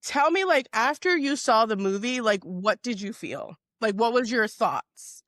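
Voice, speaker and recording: A woman hosting a casual podcast chat, a bit hoarse, talking in a chatty, upbeat way with lots of fillers. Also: on the high side, lively intonation, measured pace, fairly bright tone, no echo. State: hoarse, under the weather. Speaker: podcast host.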